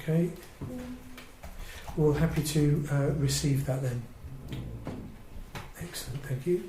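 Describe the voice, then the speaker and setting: Speaking slowly in a slightly high voice, an Englishman runs a formal parish council meeting in a polite, procedural, rather hesitant way. The recording picks up the echo of the indoor meeting room along with noticeable background noise.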